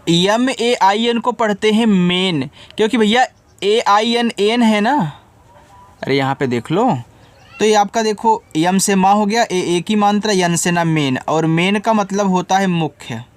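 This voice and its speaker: A man's voice: high voice, a little slow, dry recording. A man who teaches English and spells words out letter by letter, then patiently explains how to read them. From India. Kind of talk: spelling lesson.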